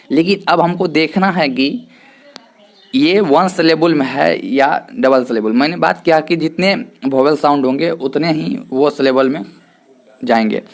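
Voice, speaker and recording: A male teacher explaining an English lesson in Hindi. He often asks a question and answers it himself. He also says each example word slowly several times. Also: fairly high pitch. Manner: mixes English terms into Hindi.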